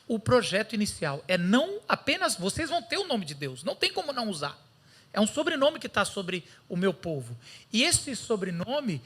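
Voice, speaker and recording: A Brazilian man preaching a sermon in a bright, forceful tone with a Brazilian Portuguese accent. He tells stories in a lively way and slips into the voices of the people he quotes. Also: high voice.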